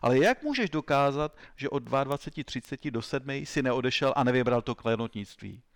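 A man voicing a zealous, self-important male police agent who shouts accusations in an interrogation. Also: mid-range voice, expressive, gravelly. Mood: bullying.

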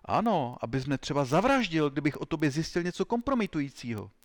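A man voicing a zealous, self-important male police agent who shouts accusations in an interrogation. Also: medium pitch, lively intonation, pitched above the performer's own voice, lightly acted. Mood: bullying.

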